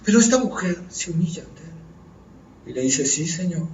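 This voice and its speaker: A man's voice: sits high, sing-song, moderate pace, vocal fry, darkish tone, a little hiss or hum. A man preaching fervently, often asking his listeners questions. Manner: fervent, asks the audience questions. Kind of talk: sermon. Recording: echoey room from far off, dull and lo-fi.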